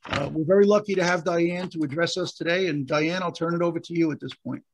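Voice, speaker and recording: A man, a county prosecutor, hosting a virtual conference over a video call while losing his voice, speaking haltingly with frequent fillers and restarts. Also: on the high side, slight background noise.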